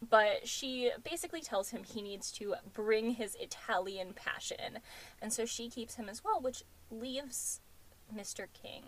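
A woman's voice: fairly high pitch, measured pace, low-quality recording. A woman co-hosting a podcast, recapping a reality dating show in casual chat full of fillers. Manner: chatty, many fillers like "um" and "like". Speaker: podcast co-host.

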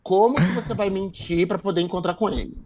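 Lively Brazilian podcast host, stumbling. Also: male voice, high-pitched, brisk, a crowd in the background. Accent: Brazilian Portuguese. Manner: lively, addresses listeners, stumbles and repeats words. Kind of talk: casual podcast chat.

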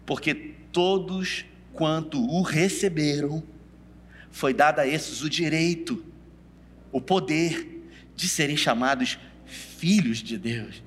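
Guy preaching a sermon, tells the bible story, talks right to the crowd, bright sharp voice. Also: fairly high pitch, slow, a little hiss or hum. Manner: storytelling preacher, addresses listeners by name. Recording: long reverb of a hall.

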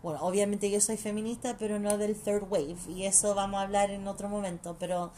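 A woman's voice: medium pitch, level tone, fairly quick, warm tone, a little hiss or hum. A mother chatting casually and bluntly, swearing freely and switching between languages mid-sentence. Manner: blunt and profane. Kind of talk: casual chat.

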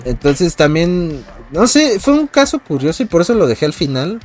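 A man's voice: on the high side, sing-song, normal speed, soft background music. A man hosting a casual podcast discussion, talking hesitantly and hedging with fillers.

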